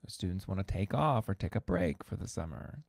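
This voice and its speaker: Gravelly low-voiced man teaching. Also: sing-song, fairly quick, darkish tone, no room sound, studio quality. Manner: conversational and emphatic, repeats words for stress. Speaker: piano teacher and podcast host. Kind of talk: instructional podcast talk.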